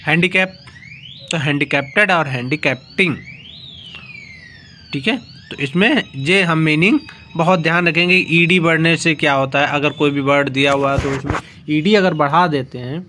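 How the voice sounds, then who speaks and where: A male teacher giving an exam-prep grammar lesson, explaining slowly and repeating himself, spelling out letter by letter. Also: a little high, bright, forceful tone, a little hiss or hum. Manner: slow, repetitive explaining, spelling words out letter by letter.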